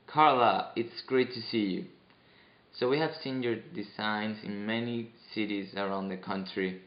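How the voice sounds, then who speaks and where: A man's voice: on the low side, measured pace. A man hosting a staged class interview, asking scripted, announcer-like questions. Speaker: interviewer host. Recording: roomy, slightly dull sound.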